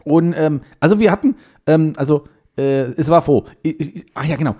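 A man in his forties, a podcast co-host, telling a long casual story in a rambling, halting way full of fillers and restarts. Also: a little high, mellow, husky.

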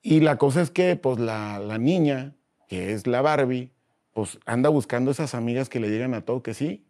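A man with a Mexican Spanish accent, a guest in a casual interview, talking in slangy, animated bursts and acting out voices as he tells stories. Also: medium pitch, moderate pace.

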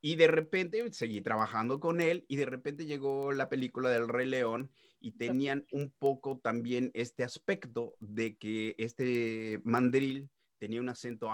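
A middle-aged man, a voice actor telling stories in an interview, animated and full of sound-effect interjections. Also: mid-range voice, no echo, studio quality. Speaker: voice actor guest. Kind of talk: casual interview storytelling.

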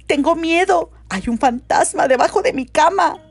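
A woman's voice: big pitch swings, takes it slowly, faint music behind, full character voice. A woman doing a frightened little toad. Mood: fearful. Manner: anxious, pleading, high and strained. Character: timid, fearful male toad.

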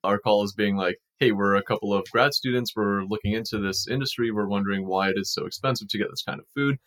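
A young man, a startup founder from Ukraine raised in the US, calmly telling his story in an interview. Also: fairly low pitch, fast talker. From Ukraine, raised in Kansas and Massachusetts. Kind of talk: casual interview answers.

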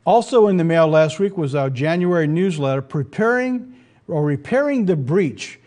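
Higher-voiced, mellow preaching man. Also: animated, normal speed. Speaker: religious program host and preacher. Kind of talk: informal presenting and preaching to viewers.

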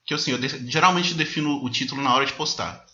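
A man in his thirties from Brazil, a podcast host chatting casually in a relaxed way and laughing often. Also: medium pitch, fast talker, slight background noise. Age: 30s. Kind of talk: casual chat. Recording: roomy, dull lo-fi sound.

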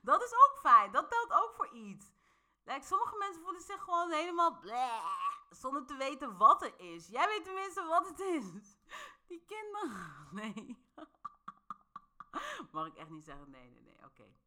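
Bright, lively woman vlogger. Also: sits high, measured pace. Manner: playful, laughs often, asks the listener questions. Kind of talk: casual motivational monologue.

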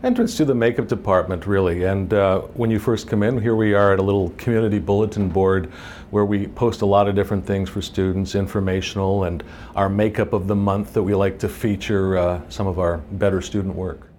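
Low-voiced man explaining, over hallway noise. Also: fairly even intonation, a little fast, a little mellow. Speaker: makeup department head, interview guest. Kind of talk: casual interview explanation. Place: indoor school hallway.

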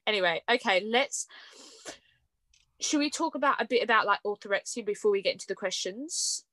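A woman's voice: medium pitch, moderate pace, pauses often, bright, forceful tone, no echo. A young woman hosting a podcast, chatting casually with frequent fillers and light laughs. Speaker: podcast host. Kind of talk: casual conversational podcast chat.

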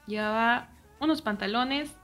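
A young woman with a Mexican accent telling a personal story in a casual way, often dropping into soft, near-whispered asides. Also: fairly high pitch, measured pace, faint music behind.

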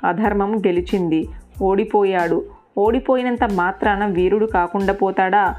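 A woman's voice: mid-range voice, steady tone, normal speed, narrow, tinny audio, lightly acted. A woman voicing a righteous elder king who rebukes his brother and mourns the fallen, in an earnest tone, with faint music behind. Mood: rebuking. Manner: scolding then lamenting, earnest.

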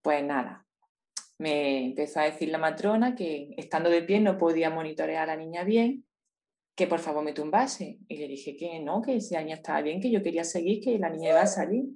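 A woman with a Spain Spanish accent tells a personal story to an interviewer. Her voice sits a little low, and her telling is intense and emotional, close to the surface throughout. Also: brisk, dark tone. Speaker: interview guest.

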